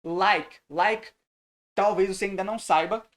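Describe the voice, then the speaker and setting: A man teaching a recorded lesson, translating sentences phrase by phrase and repeating words slowly. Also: high voice, fairly bright tone. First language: Portuguese. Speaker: English teacher.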